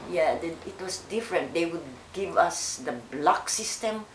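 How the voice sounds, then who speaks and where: An older woman from the Philippines, recalling her life slowly and haltingly in an oral history interview. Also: fairly low pitch, expressive, roomy sound, a little hiss or hum, low-quality recording. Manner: slow, hesitant, with many fillers and restarts.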